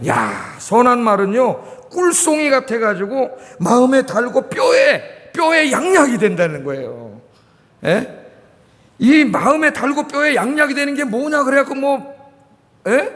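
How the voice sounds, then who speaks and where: A man's voice: extremely high pitch, sing-song, unhurried, fairly bright tone. A middle-aged male pastor from Korea preaching a sermon, asking the congregation questions and repeating key words. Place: church sanctuary. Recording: reverberant church hall.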